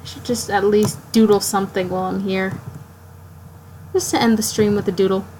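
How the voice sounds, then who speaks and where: A woman's voice: medium pitch, fairly even intonation, dark tone, slight background noise, rough recording. Sleepy woman rambling while she draws. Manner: rambling, halting, talks to herself while drawing. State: sleepy, yawning late at night. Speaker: art streamer. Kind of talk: casual live-stream self-talk.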